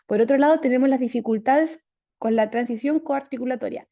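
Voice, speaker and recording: A woman speech therapist giving an online lecture, explaining things clearly and steadily. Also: high-pitched, fairly quick, warm tone, dull audio. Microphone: video call.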